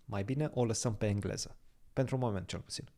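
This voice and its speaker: His voice is on the low side, gravelly yet warm, and he talks at a quick pace. He's a young Romanian-native co-host on a chess stream, reading chat casually and working through moves out loud as he comments on the game.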